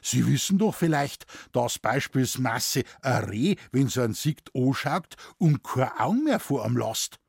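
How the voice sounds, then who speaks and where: A man voicing a gruff, deadpan old forest warden with a Bavarian accent, telling tall tales in dialect. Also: mid-range voice, normal speed, dry recording, studio quality.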